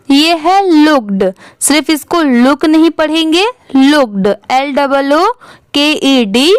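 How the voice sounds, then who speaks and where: A woman's voice: high voice, dry recording. A woman teaching English reading, spelling each word letter by letter, asking the viewer how to read it and then answering herself. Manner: spells words letter by letter, then blends them slowly; asks the viewer questions and answers them herself.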